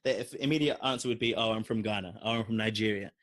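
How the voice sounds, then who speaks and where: His voice is on the low side and fast: a young man from London with a London accent. As co-host of a podcast, he tells a long personal story in a casual storytelling chat, rambling, animated, and heavy on fillers.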